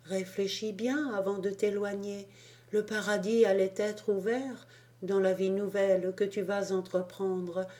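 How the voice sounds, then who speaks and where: Woman voicing a gentle heavenly lord, soft solemn words, slow, mellow tone. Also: mid-range voice, level tone, close to an everyday voice. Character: gentle all-powerful heavenly lord, male.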